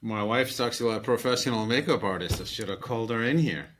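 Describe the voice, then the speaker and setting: A man in his fifties from Iceland, a composer chatting relaxed in an interview, laughing easily, with many fillers. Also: medium pitch, fast talker, over loud music. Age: 50s. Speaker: composer, guest. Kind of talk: casual interview chat.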